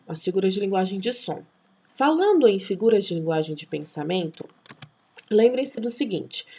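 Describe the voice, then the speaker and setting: A woman teaching an online grammar lesson, her voice swinging up and down with animated intonation. She keeps checking in with her students and trips over words now and then, restarting them. The recording sounds a little dull and lo-fi. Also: mid-range voice, husky. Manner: chatty, checks in with tag questions.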